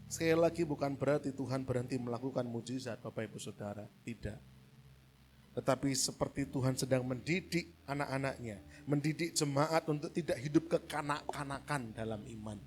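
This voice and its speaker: A man preaching a sermon in a church, acting out loud pleading voices and then dropping to hushed, reflective talk. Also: mid-range voice, brisk, slight background noise. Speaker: pastor. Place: church hall.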